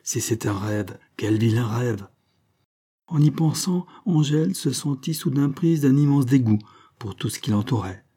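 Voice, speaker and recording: A man reading a novel aloud as narrator, measured and expressive. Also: mid-range voice, husky. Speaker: audiobook reader.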